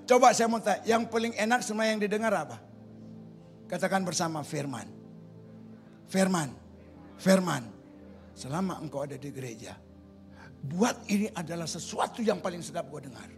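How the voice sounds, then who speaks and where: A male pastor preaching a lively, joking sermon in a church, acting out stories with sudden shouts. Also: high-pitched, brisk, faint music behind. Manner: animated, jokey storytelling with sudden shouts and voices. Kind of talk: lively sermon with acted-out anecdotes. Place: church sanctuary.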